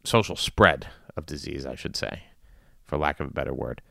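A man giving informal news and community commentary in a measured, deliberate way with long pauses. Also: rumbling low, vocal fry, fairly bright tone, no echo, studio quality. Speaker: commentator addressing his community.

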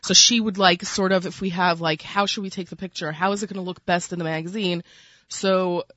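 A woman's voice: on the low side, fairly even intonation, brisk, fairly bright tone, no room sound, muffled recording. A woman with a Brooklyn accent talking casually as an interview guest, chatty and peppering her speech with "like" and "you know". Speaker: food magazine editor, interview guest.

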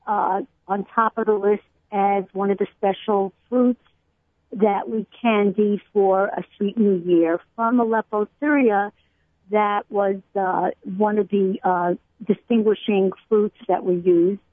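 A middle-aged woman from Brooklyn, a cookbook author explaining food customs at length with many pauses and fillers, calling in to a radio interview. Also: mid-range voice, fairly even intonation, no room sound. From Brooklyn, USA. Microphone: telephone. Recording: tinny phone line, dry.

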